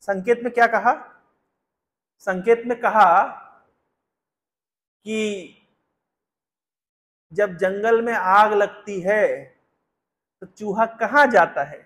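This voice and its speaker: Spiritual teacher, male, high-pitched voice, explains step by step and keeps questioning his listeners. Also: extremely slow, long pauses, fairly bright tone. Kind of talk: Hindi discourse with chanted Sanskrit verse.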